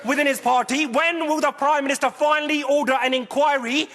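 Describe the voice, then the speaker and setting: Impassioned high-voiced man in parliament. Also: steady tone, a little fast, fairly bright tone. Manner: impassioned, emphatic. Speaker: member of parliament. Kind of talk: heated parliamentary debate. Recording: noisy chamber with crowd.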